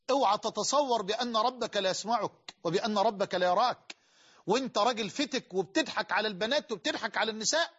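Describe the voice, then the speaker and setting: Egyptian male preacher, very high voice, rapid and fervent sermon, dull lo-fi recording. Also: a bit bright, slightly rough. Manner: impassioned, emphatic.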